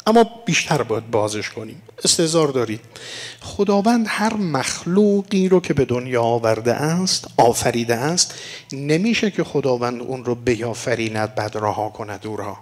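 Male preacher at mid pitch, teaching line by line, voice trailing into a long hall reverb. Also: lively intonation. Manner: expository, asks and answers rhetorical questions; recites Arabic verses slowly and deliberately. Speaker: religious lecturer. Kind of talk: evening sermon explaining Quran verses.

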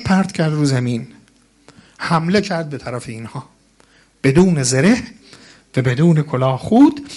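A male preacher telling a religious story in a sermon, slowly reciting Arabic passages and then retelling them with dramatic swells. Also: a little high.

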